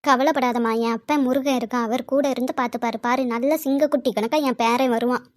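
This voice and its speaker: A woman's voice: high voice, fairly even intonation, quick pace, natural voice. A woman voicing a loving, devout old grandmother in an amateur cartoon, speaking in a reassuring way. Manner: warmly reassuring.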